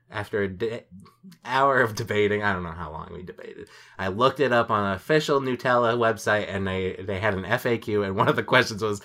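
A man's voice: on the low side, bright, forceful tone. A man in his mid-twenties, a podcast co-host rambling through a funny story in casual chat and laughing as he goes. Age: mid-20s. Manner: rambling, laughs while telling stories.

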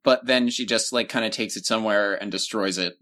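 A man's voice: on the low side, brisk, bright, forceful tone. A man in casual chat, adding short, dry comments.

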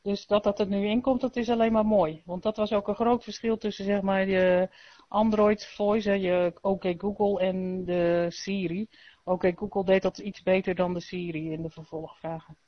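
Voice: mid-range voice, little pitch movement, moderate pace, no room sound, muffled recording. Panelist with dry sound. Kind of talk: casual chat.

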